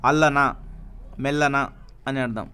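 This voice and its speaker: A man with a Telugu accent slowly reads dictionary words and their meanings, pausing after each one. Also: medium pitch, fairly even intonation, pushed and bright, slight background noise. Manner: reads each word then its meaning, with pauses. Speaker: teacher reading a word list.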